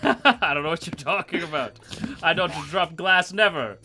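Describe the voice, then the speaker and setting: A man streaming a game, chatting casually, giggling and breaking into excited shouts. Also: fairly high pitch, moderate pace, a little hiss or hum. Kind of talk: casual gaming stream chat.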